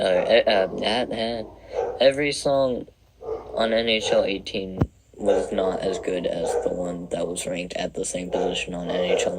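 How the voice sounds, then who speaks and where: A young man in his twenties, a video creator, ranks songs with casual, wry commentary, rambling and putting himself down. His voice is low, and there's background noise.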